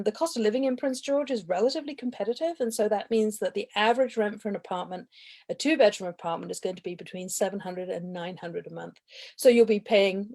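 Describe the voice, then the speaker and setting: A woman walks prospective students through campus services and costs in a steady, informative manner, with frequent ums and small restarts. Her voice sits at an ordinary middle pitch. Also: creaky. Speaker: college recruitment presenter. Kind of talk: webinar presentation.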